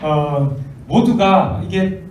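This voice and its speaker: A man preaching a sermon to a youth group as their pastor, acting out quotes with animated delivery. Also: high-pitched, drawn-out words, slight background noise. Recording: echoey church hall, mic at a distance.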